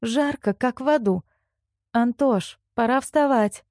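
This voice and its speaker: Woman voicing young heroine, grumbling and exasperated, mellow tone, dry sound. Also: fairly high pitch, lively intonation, normal speed, no echo. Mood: groggy complaining. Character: young woman, irritable and uneasy.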